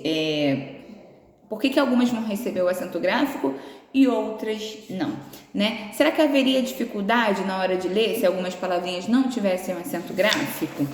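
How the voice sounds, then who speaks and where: A woman with a Brazilian Portuguese accent teaching a remote class, explaining each task patiently and slowly with affectionate little words. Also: mid-range voice. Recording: echoey room with long reverb.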